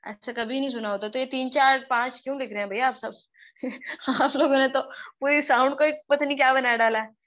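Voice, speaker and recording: Hoarse lady teacher from pakistan, high voice, online class, repeats questions, stretches out example words slow, muffled recording. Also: steady tone. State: hoarse, worn-out voice. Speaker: spoken English teacher. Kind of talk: live online class lecture.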